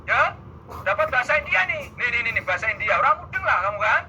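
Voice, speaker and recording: A man's voice: very high-pitched, sing-song, fast talker, bright, forceful tone, lo-fi sound, a little hiss or hum. A man teaching an exam-prep math lesson, playful and teasing, talking back and forth with his students. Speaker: math tutor.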